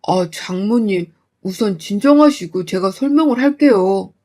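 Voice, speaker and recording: A woman voicing a timid young husband who pleads meekly in a lowered voice. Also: animated, moderate pace, warm tone, close to an everyday voice. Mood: pleading. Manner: low, meek, pleading.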